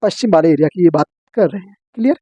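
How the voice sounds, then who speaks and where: A man teaching an exam-prep geography lesson, drilling his students with quick questions and answers. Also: fairly high pitch, expressive, dark tone, slightly rough, no room sound, muffled recording.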